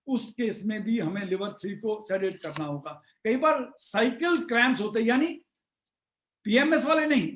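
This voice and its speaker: Man, acupressure teacher, high voice, echoey room, steady explaining. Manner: mixes English terms into Hindi, counts points aloud. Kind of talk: explanatory lesson.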